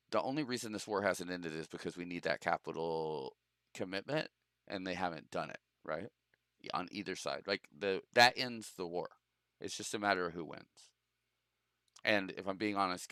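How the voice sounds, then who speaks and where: Young male streamer, crisp bright voice, loose and profane, laughs often, dry close mic. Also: low voice, normal speed, no room sound. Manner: loose, profane, laughs a lot, bro talk. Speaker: streamer hosting a game show. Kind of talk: casual gaming stream chat.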